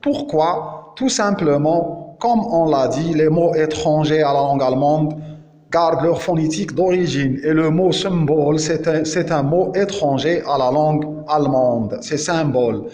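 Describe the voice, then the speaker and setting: A man with an Algerian French accent giving a slow, deliberate pronunciation lesson as a teacher, repeating each word several times. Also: on the high side, dark tone. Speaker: language teacher. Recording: echoey hall with long reverb.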